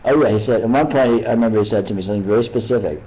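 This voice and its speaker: An older man, a meditation teacher, talking casually at a retreat in a halting, rambling way with many restarts. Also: fairly low pitch, mellow, low-quality recording.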